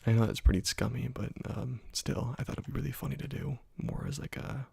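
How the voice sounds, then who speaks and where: In soft-spoken ASMR gameplay commentary, a young man leans into a close microphone and half-whispers at a brisk pace, his medium-pitched voice heavily gravelly, breathy-husky and soft. He rambles in a relaxed way through long stories laden with fillers, recorded completely dry with no echo.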